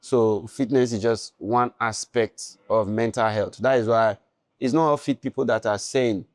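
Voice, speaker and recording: A man's voice: medium pitch, steady tone, a little slow, dry recording. Emphatic man talking fitness, dry sound. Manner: emphatic, keeps asking "you understand?". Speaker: podcast guest. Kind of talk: casual podcast chat.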